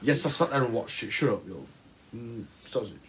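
A man's voice: mid-range voice, animated, moderate pace, fairly bright tone. Man, young adult, casual podcast banter, slangy and rambling, faint noise. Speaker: podcast co-host.

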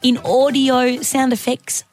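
A woman's voice: high-pitched, flat delivery, slow pace. A woman co-hosting a radio show, playful and giggly, putting pep into her delivery. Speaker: radio host. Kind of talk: bantering radio chat.

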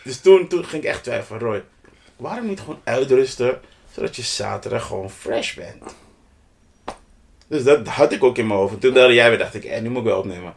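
A Dutch podcast co-host with a gravelly, medium-pitched voice tells stories at a moderate pace, leaving long pauses. His casual storytelling is animated and slangy, peppered with English phrases and sound effects.

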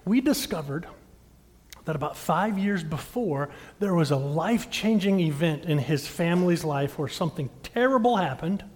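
A middle-aged male pastor with a high, bright-pitched voice delivers a sermon, putting questions straight to the congregation. He swells to loud emphatic peaks, then drops to near-quiet confiding passages. The sound rings with the long reverb of a large hall. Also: animated, normal speed. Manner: dynamic, swings from loud emphatic lines to hushed intimate ones; talks directly to the congregation with questions.

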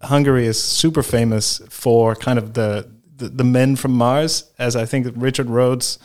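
A man's voice: medium pitch, steady tone, a little mellow, clean tone. Chatty male interview host. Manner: friendly, chatty, quick affirmations. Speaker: podcast host. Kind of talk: casual interview chat.

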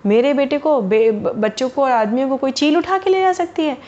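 A woman's voice: sits high, fairly quick, a little mellow, natural voice. A woman doing a greedy village shopkeeper, Lala Takhatmal. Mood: indignant. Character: greedy scheming village shopkeeper, middle-aged man. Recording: dull lo-fi recording.

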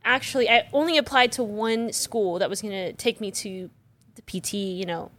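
A woman's voice: mid-range voice, moderate pace, a bit bright. A woman in her late twenties, born in the Philippines and raised in Southern California, telling her story as an interview guest, giggly and rambling. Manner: giggly, self-deprecating, rambling with fillers. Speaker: physical therapist guest. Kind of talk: casual interview chat.

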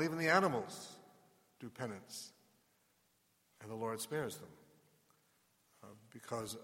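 Solemn priest in cathedral echo. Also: male voice, medium pitch, fairly bright tone. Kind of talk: liturgical Gospel reading and homily. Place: large reverberant church. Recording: long cathedral-like echoing reverb.

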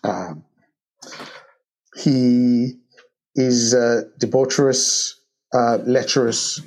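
A man with a husky voice recapping a film in casual chat, halting with many restarts. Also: mid-range voice. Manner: halting, many restarts and ums, animated when joking. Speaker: podcast co-host recapping a film. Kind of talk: casual movie discussion.

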